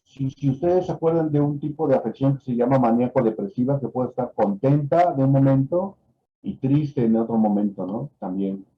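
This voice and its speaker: A man teaches a medical class at a mid pitch, walking through each point and checking in with his students. The audio is a bit dull and lo-fi. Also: normal speed. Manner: explanatory, with frequent fillers and "¿no?" tags. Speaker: medical lecturer. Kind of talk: lecture on a neurological exam. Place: online class.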